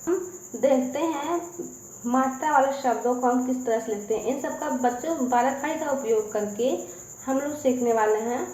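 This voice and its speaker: Woman, high voice, teacher, children's lesson, sing-song syllable drill, echoey room, crickets in the background. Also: moderate pace, a little mellow, a little hiss or hum.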